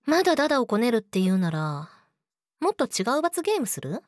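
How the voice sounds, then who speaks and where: A woman's voice: on the high side, big pitch swings, brisk, no room sound, studio quality. A woman playing a sweet but eerily obsessive, jealous young girlfriend in a teasing audio drama spoken to the listener. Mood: teasing, menacing. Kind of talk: Japanese situation voice audio drama, addressed to the listener.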